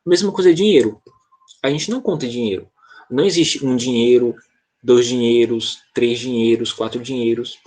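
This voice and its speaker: A man's voice: medium pitch, moderate pace, a little mellow. A Brazilian man teaching an online English class, explaining patiently and often checking in with the students.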